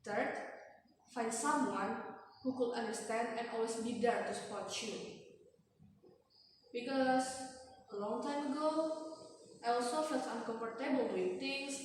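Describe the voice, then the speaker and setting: A teenage young woman with an Indonesian accent delivers a memorized competition speech in a stiff, rehearsed way, with deliberate emphatic pauses. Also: on the high side. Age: teens. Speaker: student speech contestant. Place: large echoey indoor room. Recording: echoey hall from far off, faint noise.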